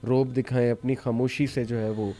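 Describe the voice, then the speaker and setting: A man's voice: mid-range voice, level tone, a crowd in the background. A man hosting a panel discussion who often murmurs agreement between his own points. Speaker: host.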